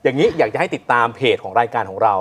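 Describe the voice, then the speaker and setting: A man's voice: mid-range voice, expressive, a bit bright, slightly rough. A man hosting a studio talk show, chatty and teasing with a student audience. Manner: jokey, chatty, quick. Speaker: TV host.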